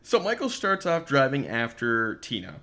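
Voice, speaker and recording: A man's voice: medium pitch, huge pitch swings, moderate pace, pushed and bright. A man co-hosting a podcast, casually recapping a horror film with wry asides. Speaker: podcast co-host. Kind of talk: casual chat.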